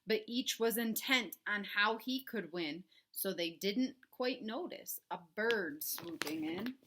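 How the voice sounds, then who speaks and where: A woman reading a picture book aloud for young children, expressive and dramatic, with chatty asides to her listeners. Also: fairly high pitch. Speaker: children's read-aloud presenter. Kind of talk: animated storybook read-aloud for young children.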